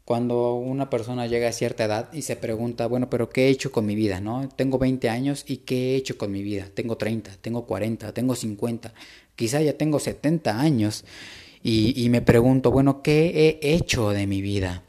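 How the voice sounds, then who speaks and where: A man giving an informal, reflective spoken lecture to the listener, unhurried, with frequent filler words and restarts. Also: mid-range voice, warm tone. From Latin America. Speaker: speaker giving a talk on psychology.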